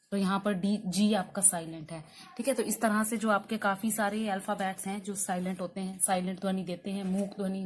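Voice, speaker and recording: Hindi-speaking woman teaching English words. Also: medium pitch. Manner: explains and repeats, quizzes students with questions. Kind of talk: spoken English lesson in Hindi.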